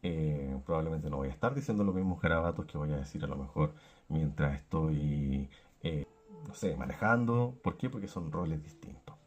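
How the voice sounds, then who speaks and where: A man giving a clinical psychology lecture, explaining with everyday examples and quick acted asides. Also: rumbling low, lively intonation, muffled recording.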